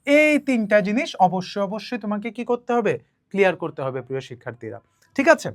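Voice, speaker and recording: A woman chemistry teacher with a Bangladeshi Bengali accent, giving an exam-prep lesson slowly and deliberately, often repeating herself and checking in with students. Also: mid-range voice, big pitch swings, no room sound, studio quality.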